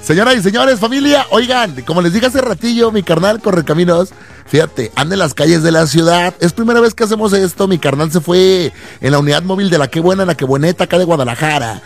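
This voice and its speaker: A young Mexican man hosting a radio show, his voice pitched high and swinging all over. He jokes and trades slang in quick banter, with a gravelly edge and music running behind him. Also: animated. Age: young adult. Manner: joking, slangy, quick back-and-forth. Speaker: radio host.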